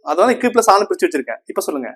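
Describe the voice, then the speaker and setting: A man with a somewhat high voice teaches grammar to a classroom of students. He repeats each term and keeps checking whether the class is following. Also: big pitch swings, rapid-fire, a bit bright. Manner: asks the class frequent checking questions; repeats terms and counts on fingers.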